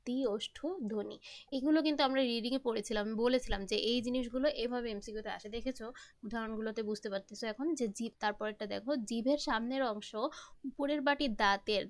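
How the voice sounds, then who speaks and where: A woman's voice: on the high side, brisk, dry recording. Woman teacher walking through quiz answers. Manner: patient, asks questions then answers them. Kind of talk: explaining multiple-choice answers.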